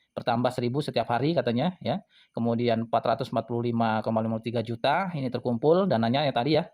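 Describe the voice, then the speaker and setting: A man's voice: mid-range voice, a little mellow. A man hosting a crypto channel, casually talking viewers through a project website, chatty and full of fillers. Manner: chatty, filler-heavy, addresses viewers as friends. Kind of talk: casual screen-walkthrough commentary.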